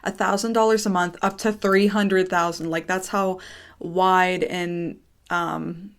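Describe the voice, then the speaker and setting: A woman's voice: lowish voice, flat delivery, slow. A young American woman talking casually and informally to her viewers, nervous and dry-mouthed, rambling and drifting off topic. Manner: rambling, often breaking off and going off topic; informal, swearing. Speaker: YouTube creator. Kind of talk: casual personal monologue to viewers.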